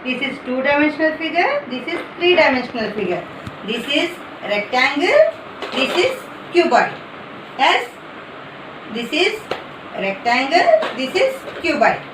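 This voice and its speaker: A woman's voice: high-pitched, very animated, unhurried, reverberant, background noise. A woman teaching an online class for young children, giving simple, repeated instructions in nonstandard grammar. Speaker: primary school teacher.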